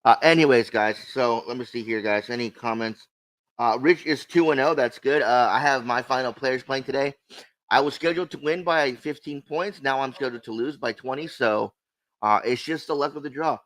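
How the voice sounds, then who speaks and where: A man's voice: mid-range voice, moderate pace, fairly bright tone, poor audio. A man co-hosting a livestream in casual, sweary chat, talking with a swollen lip. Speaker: co-host of a cigar show.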